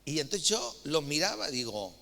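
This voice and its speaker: A man with a Spain Spanish accent preaching a sermon, telling anecdotes and reading scripture in a lively storytelling manner, with a long reverb of a church hall. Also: on the high side, normal speed, gravelly. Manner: lively storytelling, acting out dialogue.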